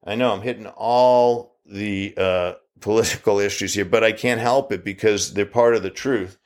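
A man in his fifties giving an argumentative opinion monologue full of rhetorical questions, his pitch jumping up as he challenges the listener. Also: fairly even intonation, normal speed. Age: 50s.

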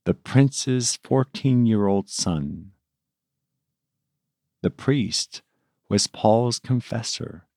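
A man, a priest, narrating a scripted family story in a measured, reverent way. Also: mid-range voice, gravelly, mellow, no echo, clean studio sound.

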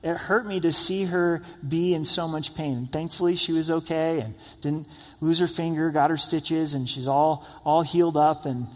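A man's voice: a little high, steady tone, normal speed, in a large hall. A male pastor giving a sermon in a conversational, storytelling way, often asking "right?" and repeating phrases for emphasis.

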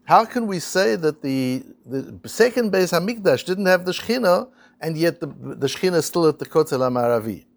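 Man, Talmud teacher, gravelly voice, dry close sound, translates quotes slowly. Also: on the high side, animated, no echo. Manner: explains slowly, reads Hebrew and Aramaic quotes then translates; asks rhetorical questions. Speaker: Torah teacher. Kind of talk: Talmud lesson.

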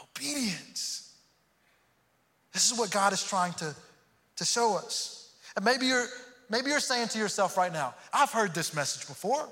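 A Houston, Texas pastor preaches a sermon in a high, sharp-toned voice with lively intonation, taking his time and leaving long pauses. He's earnest and tends to repeat words as he begins a thought. The recording carries a long hall reverb.

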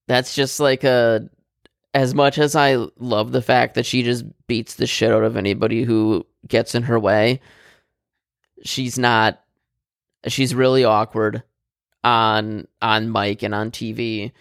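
A man's voice: medium pitch, flat delivery, slow, creaky, clean tone, dry recording, studio quality. A man co-hosting a casual political chat, blunt and opinionated, swearing freely and rambling with fillers and restarts.

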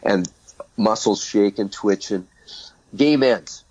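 A man's voice: on the low side, slow, a little mellow, husky, no room sound, highs cut off. An older man, a retired hockey referee, telling a story as a guest in an interview and acting out the exchanges.

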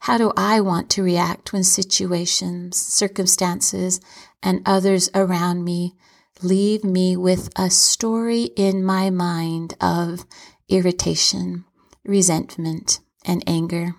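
A woman giving a calm, reflective motivational talk, often dropping into soft whispers. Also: on the low side, slow, vocal fry. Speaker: self-help speaker.

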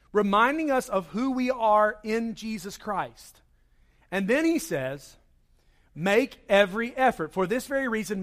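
A man's voice: high voice, fairly bright tone. A man preaching a conversational sermon to his congregation, acting out everyday inner voices. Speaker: pastor.

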